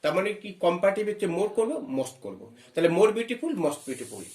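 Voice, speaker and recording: Speaking in a high-pitched, sing-song, slightly mellow voice, a West Bengal man teaches English grammar in an echoey room. He explains methodically, asks questions, spells words one letter at a time, and takes English phrases slowly.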